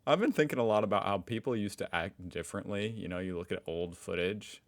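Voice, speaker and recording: A man's voice: low-pitched, brisk. An American man hosting a reaction video, commenting in a musing, conversational way. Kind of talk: casual commentary.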